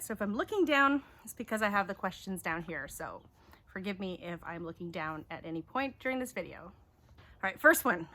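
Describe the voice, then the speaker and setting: Middle-aged woman, vlog host, chatty and upbeat, bright voice, casual talk outside. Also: mid-range voice. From Taiwan. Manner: chatty, answering questions in turn. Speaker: homeschooling YouTube host. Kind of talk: casual chat. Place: outdoors.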